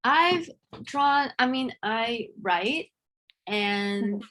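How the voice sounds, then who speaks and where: A woman's voice: on the high side, expressive, drawn-out words, a bit bright. A nineteen-year-old woman hosting a casual interview, eager and chatty with gushing reactions. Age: teens.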